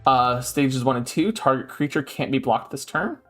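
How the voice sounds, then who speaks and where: A man streams from his home setup at a moderate pace with a medium-pitched voice, soft music playing behind him. He chats casually as the host and reads card rules aloud in animated bursts.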